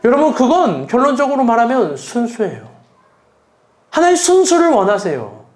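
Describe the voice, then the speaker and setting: A man's voice: very high voice, wildly swooping pitch, moderate pace. A man pastor preaching a sermon in an earnest, emotional way, piling up rhetorical questions.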